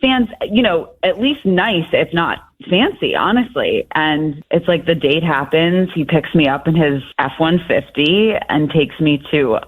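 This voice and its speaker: A woman's voice: sits low, a little slow, few pauses. Woman caller on speakerphone, tinny phone-line sound, frank and chatty. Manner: frank, chatty, a little sheepish. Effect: on speakerphone over a phone line. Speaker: radio show caller. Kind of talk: casual phone chat.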